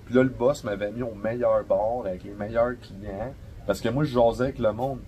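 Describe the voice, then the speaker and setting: A young adult man with a Québécois French accent, a podcast guest telling stories in a slangy, profane, animated way. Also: mid-range voice, normal speed, rough recording. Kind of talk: casual storytelling chat.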